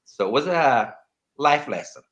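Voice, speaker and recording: As an interview guest in casual conversation, an older man from Brazil speaks with a Brazilian Portuguese accent, rambling and restarting his sentences in non-native phrasing. His mid-range, fairly bright voice is animated and a little slow, and the recording is muffled.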